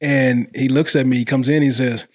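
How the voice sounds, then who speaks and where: A man's voice: mid-range voice, steady tone. Easygoing male podcast host. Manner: easygoing, laughs along, quick affirmations. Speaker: podcast host, former football player. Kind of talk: casual chat.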